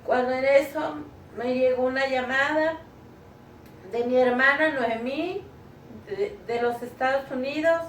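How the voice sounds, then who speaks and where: A middle-aged woman tells her church a personal testimony in an earnest, tearful manner, calling her listeners brothers and sisters. Her voice sits high and she speaks slowly. She was recorded from a distance at home, so the sound is roomy and carries a faint background noise. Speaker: church member giving testimony. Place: living room at home.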